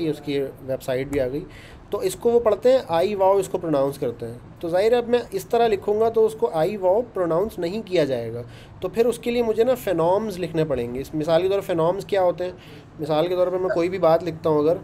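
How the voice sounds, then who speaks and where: A man's voice: a little high, dark tone, a little hiss or hum. A man, teaching a casual coding lesson and chatting his way through each step. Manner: chatty, explains step by step with frequent "ṭhīk hai". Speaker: programming instructor.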